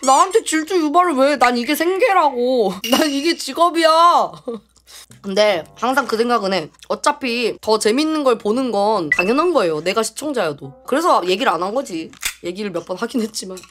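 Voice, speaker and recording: A young woman streamer chatting casually, venting in a sulky, whiny way with sudden loud outbursts. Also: on the high side, lively intonation, moderate pace, soft background music. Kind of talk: casual livestream chat.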